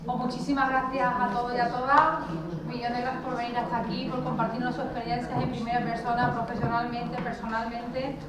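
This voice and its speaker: A woman moderating a public event and introducing the next speaker, brisk and often tagging her sentences with a questioning "right?". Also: on the high side, little pitch movement, a loud crowd. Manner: brisk, with frequent tag questions. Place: large hall. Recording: echoey hall, distant mic.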